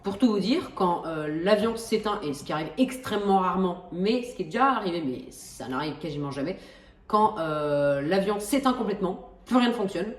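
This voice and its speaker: Woman walking you through a cockpit, lots of "euh" and restarts, lowish voice, a bit off mic. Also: lively intonation, moderate pace, roomy sound, recorded from a distance. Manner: chatty, many hesitations and restarts, self-joking. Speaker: flight simulator tutorial host. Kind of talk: casual tutorial explanation.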